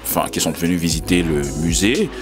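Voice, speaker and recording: A man interviewing a guest, asking searching questions and offering soft agreement. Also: low voice, lively intonation, a little fast, music in the background. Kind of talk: conversational interview.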